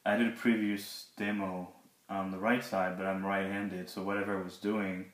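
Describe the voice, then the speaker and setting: A man with a low, flat voice talks through a casual demo. He is halting and slightly awkward, as if nursing a sore mouth after having teeth pulled. The recording is roomy and echoing, with some faint noise. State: in pain after dental surgery. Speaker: product reviewer, 3D artist. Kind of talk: casual unscripted tablet review and demo. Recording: roomy echo, background hiss and clicks.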